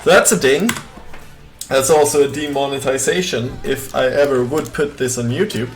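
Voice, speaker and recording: A young man from Sweden with a Swedish accent talks at a moderate pace in a medium-pitched voice, soft music in the background. Casually streaming a game, he reads out chat messages and rambles along with lots of fillers.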